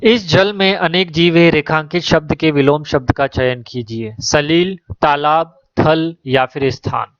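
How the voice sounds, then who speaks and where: A man's voice: on the high side, a little slow, hardly any pauses, dry recording, dull audio. A man who works as a teacher, going through exam questions one by one: he reads each question and its options, then gives the right answer.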